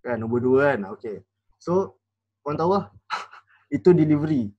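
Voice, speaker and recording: A man's voice: fairly high pitch, expressive, moderate pace, no echo, dull audio. A man, a rapper, chatting casually on a live stream and explaining battle rap, acting out lines in different tones. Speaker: rapper giving battle tips.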